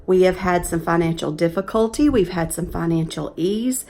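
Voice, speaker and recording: Earnest woman vlogging, low voice. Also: moderate pace, darkish tone, slight background noise. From Georgia, USA. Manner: earnest, chatty, emotional at times. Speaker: professional organizer vlogger. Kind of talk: casual vlog talk to camera.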